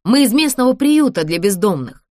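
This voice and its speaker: A woman's voice: a little high, sing-song, brisk, a little mellow, no echo, studio quality, pitched above the performer's own voice. A woman voicing a young heroine who speaks earnestly and coaxingly in a thriller audiobook. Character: brave young woman, tense but kind.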